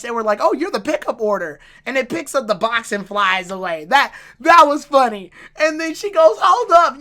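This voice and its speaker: A woman giving a casual, excitable recap and review of anime episodes, breaking into laughter and correcting herself as she goes. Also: a little high. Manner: excitable, laughs out loud, restarts and self-corrects.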